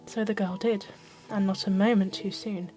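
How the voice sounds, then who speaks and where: A woman reads a fairy tale as ASMR. Her delivery is soft and expressive, made for bedtime, over gentle background music. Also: mid-range voice, normal speed. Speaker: storyteller.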